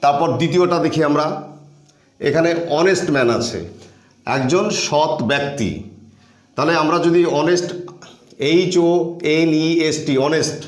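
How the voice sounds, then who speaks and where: Male teacher, patient step-by-step explainer, somewhat high voice, echoey classroom sound. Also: fairly even intonation, normal speed, long pauses. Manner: patient and step by step, with repeated phrases. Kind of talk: grammar lesson explaining on a board. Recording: echoey room.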